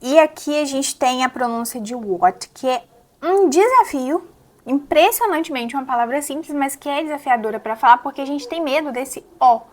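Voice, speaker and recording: A young Brazilian woman, an English teacher, walks through a pronunciation lesson step by step. Her voice sits a little higher than usual, and she slows down to repeat each English word carefully so learners can copy it. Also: animated, darkish tone. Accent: Brazilian Portuguese. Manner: explains step by step, repeats English words slowly to model them.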